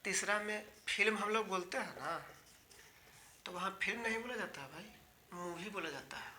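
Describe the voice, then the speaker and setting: A man's voice: sits high, expressive, normal speed, sharp tone, slight background noise. A man from India teaching English grammar in an online class, explaining patiently and talking straight to his students, often repeating key words.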